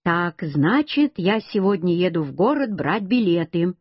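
A woman reading a children's story aloud, voicing a calm, practical father. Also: on the low side, a little slow, husky, no echo, heavily acted. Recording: dull lo-fi recording.

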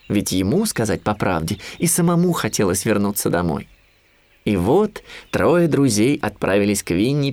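A man narrating a children's storybook in an expressive, lilting way. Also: lowish voice.

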